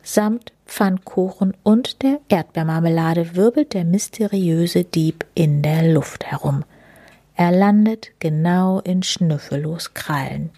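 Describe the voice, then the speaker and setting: A woman narrating a children's story in a whispered role-play style, soft and hushed. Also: lowish voice, slow, husky, dry recording.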